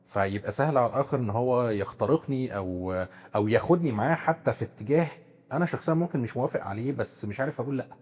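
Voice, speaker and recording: A man's voice: mid-range voice, racing, darkish tone, husky, big-room sound. A man with an Egyptian Arabic accent who asks questions and hesitantly rephrases points in a discussion. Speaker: psychiatrist co-host.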